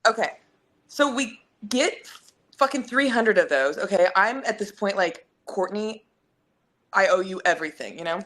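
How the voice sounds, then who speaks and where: A woman telling a long story in casual podcast chat, rambling and animated with many fillers. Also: mid-range voice, normal speed.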